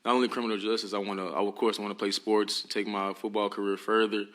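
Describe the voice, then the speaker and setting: A teenage high school football player answering interview questions politely and earnestly. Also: male voice, flat delivery, fast, a bit bright. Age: teens.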